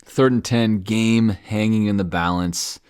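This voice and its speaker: A man hosting a podcast, talking through game film in an animated commentary style. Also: fairly low pitch, unhurried, clean tone. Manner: animated, acts out coaches and players in quoted asides.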